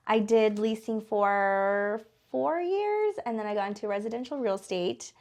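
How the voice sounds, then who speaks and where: An American woman in her thirties, born in the Philippines and raised in Denver from age eight, speaks as an interview guest in a small studio. She co-owns a small business and talks informally and chattily, full of casual fillers like "like," in a medium-pitched, slightly mellow voice with lively intonation at normal speed.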